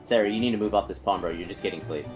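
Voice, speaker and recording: A man's voice: low voice, rapid-fire, music in the background, low-quality recording. A man leading a game raid over voice chat, explaining positions in a rambling way with many fillers and restarts. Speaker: raid leader.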